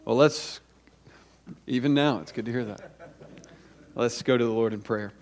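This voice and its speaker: A male pastor preaching a sermon at a pulpit microphone, slowing down to stress lists of words. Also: mid-range voice.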